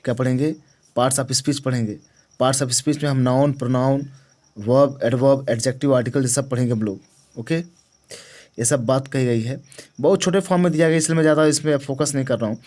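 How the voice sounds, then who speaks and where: A man gives a grammar lesson to exam students in a mid-range, slightly mellow voice with fairly even intonation and a slightly fast pace. He poses questions and answers them himself, repeats key words, and checks that the class is following.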